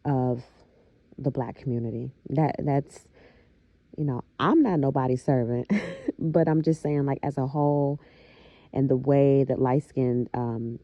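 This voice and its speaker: A woman vlogger talking reflectively to her viewers, with a slow, thoughtful manner and many soft fillers. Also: rumbling low, no echo, highs cut off. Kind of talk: casual talking-to-camera monologue.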